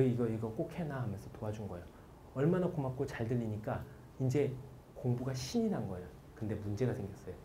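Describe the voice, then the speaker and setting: Animated Korean lecturer man, lively voice. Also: medium pitch, a little hiss or hum. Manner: animated storytelling, quotes people, asks the audience questions. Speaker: study-method lecturer. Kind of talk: lively motivational lecture to students.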